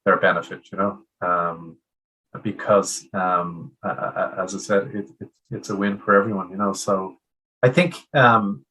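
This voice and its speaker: A man's voice: low voice, fairly even intonation, measured pace, pushed and bright, breathy edge, rough recording. A man being interviewed as a trade union guest, speaking with frequent fillers and restarts. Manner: hesitant, many restarts and fillers. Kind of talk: conversational interview.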